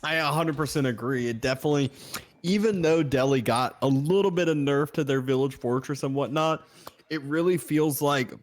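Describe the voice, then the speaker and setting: A man's voice: a little high, moderate pace. A man co-casting an esports match, analytical and rambling, with many filler words. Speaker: co-caster. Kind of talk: esports commentary.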